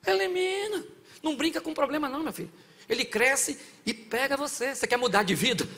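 High, gravelly pastor preaching. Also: male voice, expressive, quick pace, bright, forceful tone. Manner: joking, rises to fiery exhortation. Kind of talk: sermon. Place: church sanctuary. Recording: long church reverb.

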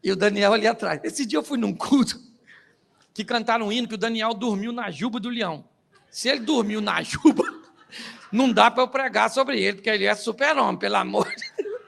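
Pastor guy, jokey sermon, high voice with a gravelly fry, keeps laughing at his own bits. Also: a little fast, a bit bright. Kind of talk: comic storytelling sermon.

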